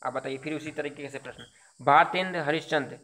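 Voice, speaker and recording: Bright-voiced male Hindi teacher. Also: fairly high pitch, fast talker. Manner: explains answers by repeating and rhetorical questions. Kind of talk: exam quiz lesson.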